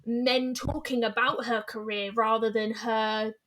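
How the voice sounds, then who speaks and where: A woman co-hosting a podcast speaks in a casual chat. Her voice is slightly high. Her comments come out wry and dry. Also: little pitch movement, unhurried, a bit bright. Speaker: podcast co-host.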